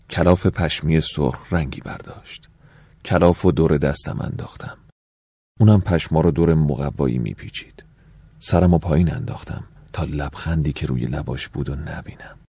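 A man narrating an audiobook in the first person, calm and measured, at times dropping to a soft whisper. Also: extremely low pitch, husky, no echo.

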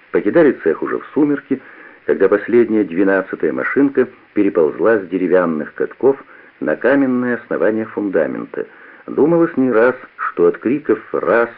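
A man giving an expressive, measured first-person narration of a story, recorded on a tinny lo-fi old radio recording. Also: lowish voice.

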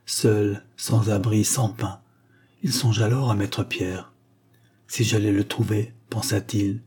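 Male audiobook narrator, measured expressive reading, mellow dark tone, husky voice. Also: fairly low pitch. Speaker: audiobook reader. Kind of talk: scripted narration of a short story.

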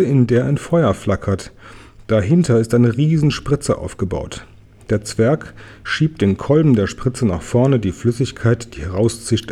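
A man calmly reading a children's book aloud, chapter by chapter. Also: mid-range voice, breathy edge. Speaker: reader.

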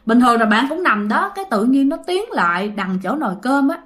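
Southern Vietnamese woman, ghost story narrator, chatty, high voice. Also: very animated, brisk, a bit bright. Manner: chatty, addresses listeners directly. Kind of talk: casual storytelling.

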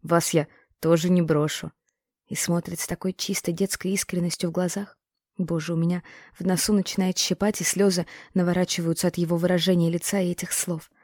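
A woman's voice: on the low side, level tone, quick pace, darkish tone, no room sound. A woman reading a first-person audiobook story. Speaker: audiobook narrator.

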